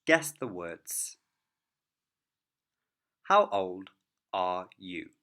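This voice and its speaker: A man teaching a beginner English lesson, speaking each word clearly and deliberately. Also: deep voice, big pitch swings, bright, forceful tone. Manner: clear, careful word-by-word delivery.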